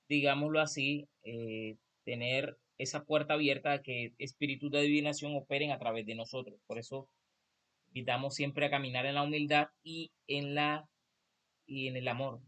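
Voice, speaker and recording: A man calmly teaching a church class, explaining and correcting himself as he goes. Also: mid-range voice. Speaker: teacher of a prophetic school class.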